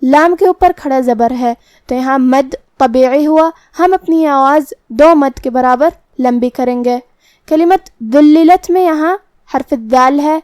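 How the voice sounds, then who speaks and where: High-voiced woman teaching Quran recitation rules. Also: a little mellow, dry recording, studio quality. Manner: explains each letter's rules carefully, then recites slowly. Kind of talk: tajweed lesson with slow recitation.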